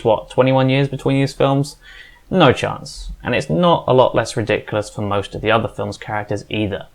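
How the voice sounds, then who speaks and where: Man, scripted review narration, sarcastic, dry, medium pitch. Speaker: film critic vlogger.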